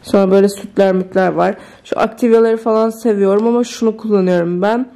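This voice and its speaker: A woman's voice: mid-range voice, fairly even intonation, fast talker, gravelly, mellow. A woman chatting casually in a home vlog, thinking aloud and easily amused, with faint music behind her. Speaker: vlogger. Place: home kitchen.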